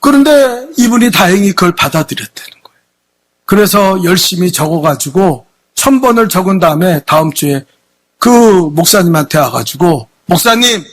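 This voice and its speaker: Male senior pastor, high husky voice, emphatic sermon delivery, fond of rhetorical questions. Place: church sanctuary.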